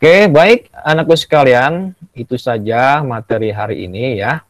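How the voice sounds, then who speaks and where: A man's voice: mid-range voice, measured pace, dry recording. A male teacher with an Indonesian accent, teaching a class over a video call. He keeps adding "ya" and "gitu loh" and coaxes the children along. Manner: repeats "ya" and "gitu loh" often, coaxing; acts out children's tantrums in a raised voice. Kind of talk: online class lesson.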